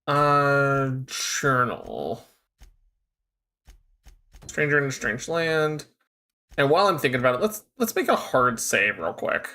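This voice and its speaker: Animated male game streamer, casual. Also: mid-range voice, takes it slowly, long pauses. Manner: reads game text aloud, thinks out loud. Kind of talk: casual live gameplay commentary.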